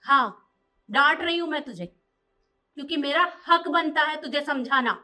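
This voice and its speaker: Woman acting as a bossy mom lecturing her son, super high bright voice, bit of music under it. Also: animated, unhurried, full character voice. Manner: scolding, lecturing. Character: stern scolding mother, fiercely protective of her daughter-in-law. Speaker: mother and mother-in-law. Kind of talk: short family drama acting.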